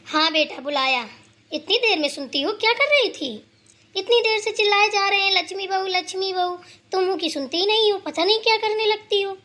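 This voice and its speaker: A woman's voice: very high voice, brisk, bright, forceful tone. A woman voicing a stern, bossy older mother-in-law in a cartoon, scolding and lecturing her daughter-in-law. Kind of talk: cartoon voice acting.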